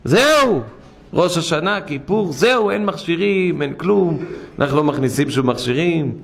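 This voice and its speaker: A rabbi giving an impassioned sermon in a synagogue, firing rhetorical questions and dropping low to tell a parable. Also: male voice, lively intonation, gravelly, fairly bright tone. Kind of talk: weekly Torah portion sermon.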